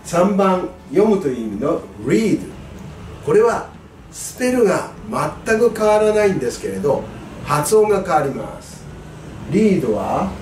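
Man, tutor, grammar lesson, patient, fairly high animated voice, echoey room. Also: recorded from a distance, slight background noise. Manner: patient, stresses key words with rising pitch. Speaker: English tutor for exam students. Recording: echoey room, voice away from mic, faint music.

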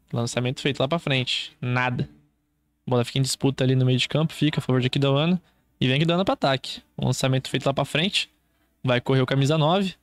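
A man's voice: medium pitch, no echo. A man with a Brazilian accent doing live football play-by-play as a commentator, in short clipped running phrases.

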